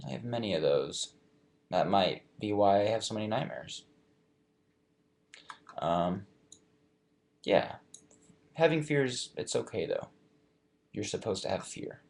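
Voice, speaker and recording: A man's voice: fairly low pitch, slow, gravelly, long pauses. Laid-back young man answering fan questions. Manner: relaxed, thoughtful, reading questions aloud then answering. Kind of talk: casual live chat.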